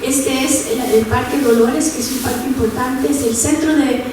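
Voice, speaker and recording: A woman from El Salvador who grew up in San Francisco leads an informal academic workshop in a high, steady voice at a moderate pace. She speaks conversationally, using lots of fillers and tag questions, recorded far from the mic in an echoey, noisy room.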